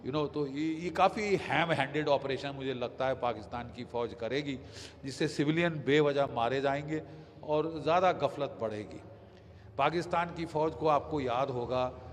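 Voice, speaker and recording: A man's voice: medium pitch, big-room sound, slight background noise. Older man, emphatic news commentary. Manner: emphatic, with hesitant pauses and English phrases. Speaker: defence expert.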